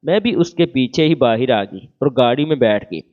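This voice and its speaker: A man reading a romantic first-person story as scripted narration, voicing every part in the same even voice. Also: mid-range voice. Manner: reads all parts in one even voice. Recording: phone-like narrow band.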